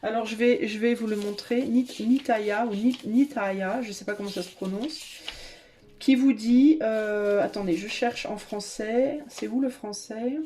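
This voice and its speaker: A woman's voice: fairly high pitch, moderate pace, mellow, a little hiss or hum. A woman giving a casual tarot reading to her viewers, chatty and hesitant, with many fillers and restarts. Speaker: tarot reader.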